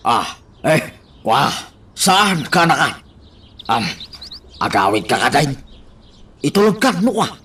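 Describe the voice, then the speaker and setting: A man's voice: on the high side, sing-song, slow, pauses often, pushed and bright, slight background noise, exaggerated voice. A man voicing a worried uncle who keeps exclaiming fretfully, in a radio drama.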